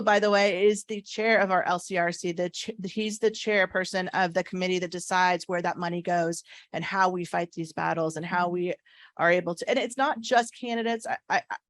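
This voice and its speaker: A woman's voice: lowish voice, dry recording. A woman giving an earnest, emphatic, persuasive talk to a meeting as a staff speaker, repeating key phrases, her speech slightly slurred from wearing a retainer. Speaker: association government affairs staff speaker.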